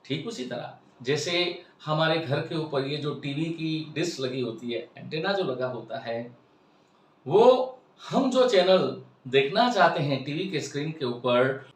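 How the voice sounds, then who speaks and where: Older man, 60s, earnest and emphatic wellness host; fairly high voice, roomy and far from the mic. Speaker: health and wellness channel host. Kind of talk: explanatory talk to camera.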